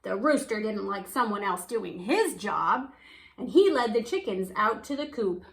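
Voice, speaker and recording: A woman with a mid-range voice reads a picture book aloud, a little slowly and with plenty of animation. She tells the story expressively, stretching words for emphasis, like a children's storybook reader.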